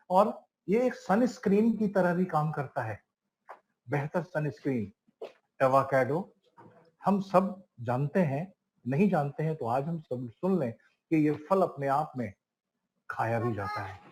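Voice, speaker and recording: A man's voice: mid-range voice, a little mellow, slight background noise, low-quality recording. A man giving a product training class, emphatic and listing items one by one, calling his listeners friends and asking them questions. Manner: emphatic, lists items one by one with rising stress.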